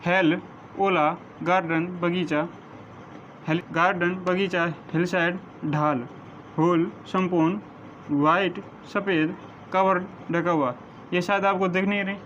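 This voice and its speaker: A male teacher slowly dictating vocabulary meanings to his class, spelling some words out letter by letter. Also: high-pitched, steady tone, a bit bright. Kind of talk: vocabulary lesson, reading word meanings. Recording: dull lo-fi sound with faint noise.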